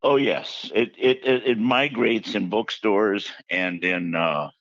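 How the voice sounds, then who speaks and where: A man's voice: lowish voice, takes it slowly, a bit bright, no echo, dull audio. A man being interviewed about his book, telling chatty anecdotes and acting out the quotes. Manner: chatty anecdotal storyteller who acts out quotes. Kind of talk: casual interview storytelling.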